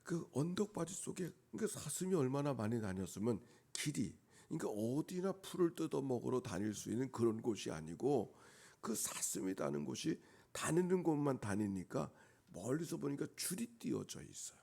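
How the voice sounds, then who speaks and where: A male pastor preaching an early-morning sermon. He drops to near-whispers, builds to loud emphatic peaks and repeats key phrases for emphasis. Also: mid-range voice, very animated, moderate pace, gravelly.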